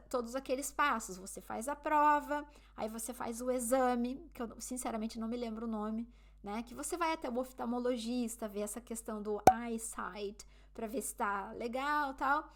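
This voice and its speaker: A Brazilian woman with a Brazilian Portuguese accent speaks casually to her vlog audience. Her voice sits a little on the high side, and her talk is chatty, with frequent little questions to keep the viewer with her. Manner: chatty, often asks the viewer "né?" and "entende?". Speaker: vlogger living abroad. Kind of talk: casual advice talk to camera.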